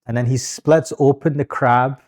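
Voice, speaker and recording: A man's voice: medium pitch, fairly even intonation, normal speed, a little mellow. A man co-hosting a podcast in casual chat, swearing freely and talking over his partner. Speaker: podcast co-host.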